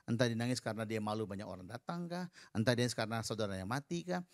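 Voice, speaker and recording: A lowish-voiced man races through a sermon, captured on a dry, clean studio recording. Speaking conversationally and directly to the congregation, he leads everyone in reading aloud in unison.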